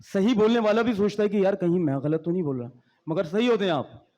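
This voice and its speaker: A high-voiced man speaks from a stage, mixing playful, teasing asides with declaimed verse. His delivery swells as he recites poetry. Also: fast, dark tone. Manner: declaiming, rising intensity in verse. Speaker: guest speaker at a school speech competition.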